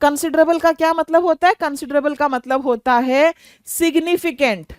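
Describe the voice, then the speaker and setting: Her voice is high with fairly even intonation at a normal speed as this Indian-accented woman preps students for an exam, defining English words and spelling each one out. There's no room sound, and the studio audio is clean.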